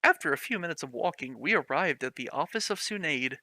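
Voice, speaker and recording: A young man with a very bright, sharp, slightly high voice reads a fanfic aloud for laughs as a host, talking fairly quickly and expressively. He's sarcastic, swears freely, and keeps breaking off to mock the writing. The sound is dry and close, with no room sound.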